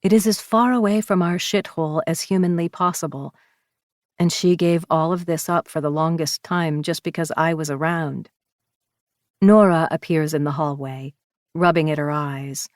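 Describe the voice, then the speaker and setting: A woman's voice: low voice, fairly even intonation, moderate pace, no echo, clean studio sound. A woman narrating an audiobook in first person, with a confessional, emotional delivery.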